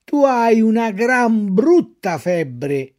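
A small, kindly marmot speaks gently and sympathetically, as a woman reads her part. Her consoling voice sits fairly high and moves with lively intonation, like a character in a storybook read aloud. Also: very slow, heavily acted. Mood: caring. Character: kindly little female marmot, sympathetic and wise.

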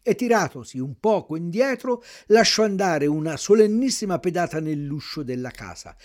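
Animated, high-voiced male storyteller. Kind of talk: reading a children's classic aloud.

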